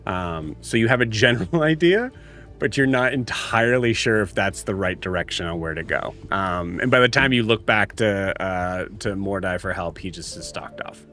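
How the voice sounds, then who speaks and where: Guy game master improvising narration, kinda low voice, halting and casual, music in back. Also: expressive, sharp tone. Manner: halting, casual, searching for words. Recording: music playing behind.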